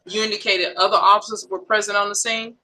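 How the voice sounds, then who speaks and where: A woman's voice: mid-range voice, flat delivery, fast talker, sharp tone, rough recording. A woman prosecutor questioning a witness in court, methodical and step by step. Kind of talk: courtroom direct examination.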